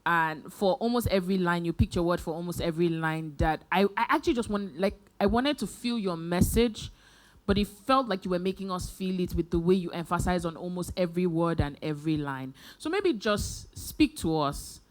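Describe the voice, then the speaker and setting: A woman's voice: lowish voice, lively intonation, normal speed. A woman judge giving earnest live feedback to a contestant, stumbling over her first words. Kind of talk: live talent show feedback.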